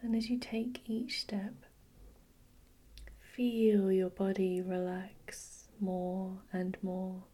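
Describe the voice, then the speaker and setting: A woman whispering a slow, soothing guided relaxation with gentle repetition. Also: medium pitch. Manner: soft unvoiced whisper. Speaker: hypnosis guide.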